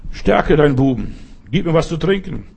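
A preacher voicing God, speaking slowly and emphatically with repeated phrases and a husky voice. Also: male voice, fairly high pitch, lively intonation, darkish tone, exaggerated voice. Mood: solemn. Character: God, a calm fatherly male voice.

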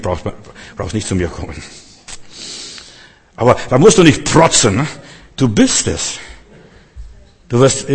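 A man's voice: mid-range voice, a little mellow, husky. A man preaching a sermon, earnest and repetitive, speaking straight to his listeners. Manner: earnest, repeats phrases, addresses listeners directly. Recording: long reverb of a church hall.

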